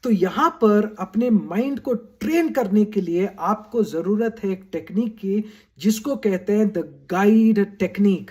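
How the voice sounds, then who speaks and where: Speaking slowly in a high, warm voice, a man coaches students through a video lesson. The study skills coach addresses them directly, keeps asking "right?", and slips English phrases into his Hindi.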